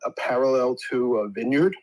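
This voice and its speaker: A man pitching a name on a casual audio panel, unsure and full of fillers. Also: normal speed, low-quality recording. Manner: hesitant, uncertain, many fillers. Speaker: domain seller pitching a name. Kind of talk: casual chat.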